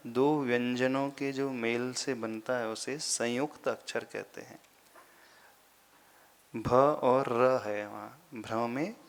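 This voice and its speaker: A man, a monk teaching Sanskrit verse pronunciation, patiently repeating syllables slowly and deliberately. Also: medium pitch, smooth. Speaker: Jain monk teaching scripture recitation. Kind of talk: slow explanatory lesson on Sanskrit pronunciation.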